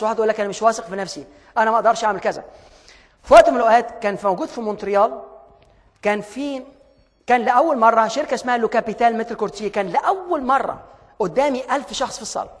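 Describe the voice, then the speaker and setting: A man's voice: extremely high pitch, expressive, rapid-fire. A man with an Egyptian accent giving an emphatic motivational lecture, telling stories energetically. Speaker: motivational speaker. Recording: long hall reverb.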